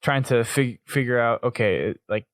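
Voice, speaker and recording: A man co-hosts a podcast and walks through an episode in easy, casual talk. He pauses and restarts his sentences as he thinks. His voice sits at a middle pitch, recorded close and dry. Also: dry recording. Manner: halting, restarts often while summarizing. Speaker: podcast co-host. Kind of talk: casual recap discussion.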